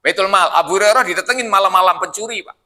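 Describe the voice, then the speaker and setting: Bright-toned man preaching. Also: high voice, fast talker. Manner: lively storytelling, addressing listeners directly. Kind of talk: mosque sermon. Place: mosque.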